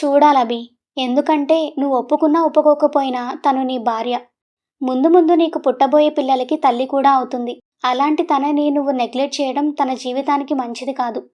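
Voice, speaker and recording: A woman's voice: high-pitched, steady tone, fairly quick, darkish tone, lightly acted. A woman voicing a stubborn, headstrong young woman who talks in an insistent, coaxing way.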